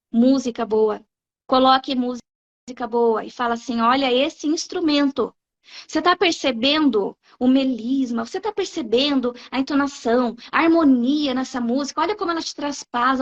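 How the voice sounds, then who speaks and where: Blunt, animated Brazilian woman. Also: high-pitched. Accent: Brazilian Portuguese. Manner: animated, blunt, frequent "né?" tags. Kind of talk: emphatic preaching-style talk. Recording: dull lo-fi live stream audio.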